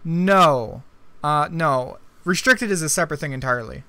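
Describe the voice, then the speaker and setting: Bright, high-voiced young streamer guy. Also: expressive, normal speed, no echo. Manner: chatty, answers chat comments as he works. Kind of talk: casual live-stream chat while editing.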